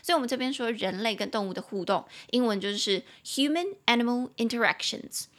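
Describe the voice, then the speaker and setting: A young woman with a Taiwanese Mandarin accent teaches English vocabulary on her podcast. Her voice sits a little high and carries a gravelly edge, and she slows right down to spell words out letter by letter and repeat them for her listeners. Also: a bit bright. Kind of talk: bilingual English lesson.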